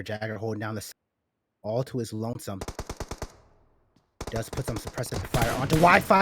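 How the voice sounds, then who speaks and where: A man's voice: lowish voice, a little hiss or hum. A man casting a tournament as a host, doing play-by-play commentary with laid-back banter between calls. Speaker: esports caster.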